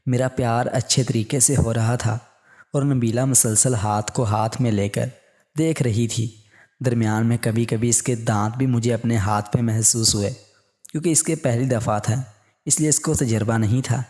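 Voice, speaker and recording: A man reads a story aloud in a calm, even way. His voice is mellow and warm, sitting at an ordinary male pitch. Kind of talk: scripted narration of a story.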